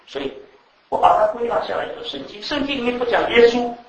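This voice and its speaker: A man preaching to a class, animated, repeating words and quizzing the audience. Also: very high-pitched, fast. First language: Chinese. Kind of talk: sermon to a class. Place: teaching room with live audience. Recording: echoey room, mic at a distance.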